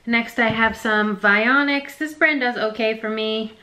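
A woman's voice: on the high side, a little slow, bright, forceful tone, poor audio. A young woman chatting casually through a resale haul vlog, rambling and self-deprecating. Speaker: reseller vlogger.

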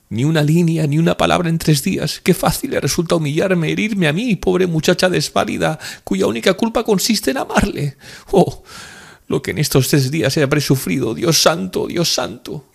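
A desperate young woman, abandoned by her lover, cries out in high, trembling, tearful bursts, voiced by a man reading a storybook. Her voice climbs far above a man's low register and keeps a husky, breathy grain. She pleads and accuses in turn, on the edge of sobbing. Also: exaggerated voice. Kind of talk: audiobook reading.

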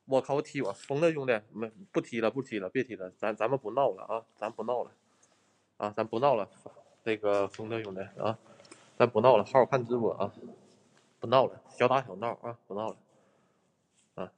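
This ghost-hunting streamer speaks briskly in a medium-pitched, slightly mellow voice, though he leaves long pauses. Inside an abandoned building, he chats frankly with his audience, swears, and shows appreciation for their gifts.

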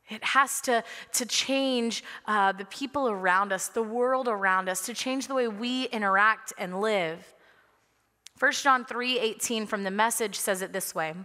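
A woman with a rather high, pushed, bright voice preaches earnestly, with touches of light humor, from the stage of a large church sanctuary. She wears a headset mic, and the big room adds a long reverb.

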